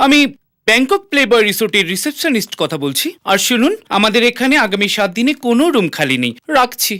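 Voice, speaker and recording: An actress playing a curt hotel receptionist answering the phone. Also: female voice, a little high, sing-song, fast talker, a bit bright.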